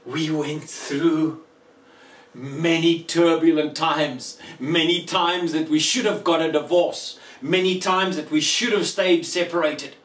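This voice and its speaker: A man preaching a personal testimony sermon, slow and emotional with dramatic pauses. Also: a little high, steady tone, fairly bright tone, reverberant, recorded from a distance.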